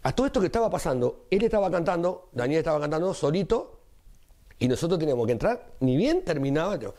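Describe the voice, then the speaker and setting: Guesting on an interview, this Rioplatense-accented carnival performer speaks fast with a voice on the high side. He recounts an anecdote with gusto, giving each line of dialogue its own changing voice.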